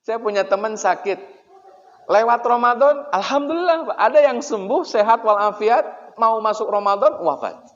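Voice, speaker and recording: A man's voice: sits high, animated, moderate pace. A man giving a chatty, joking sermon as an Islamic preacher, often turning to address the congregation directly. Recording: dull, echoey hall recording.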